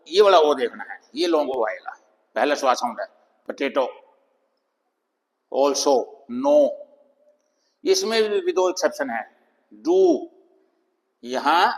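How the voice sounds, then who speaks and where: A man teaching a phonics lesson, speaking slowly and deliberately, reading English headings aloud. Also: a little high. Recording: long echoing reverb.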